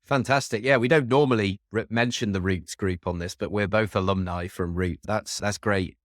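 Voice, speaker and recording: A man's voice: on the low side, fairly even intonation, normal speed, dry recording, clean studio sound. A man hosting a podcast interview, welcoming and upbeat as he introduces his guests. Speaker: podcast host.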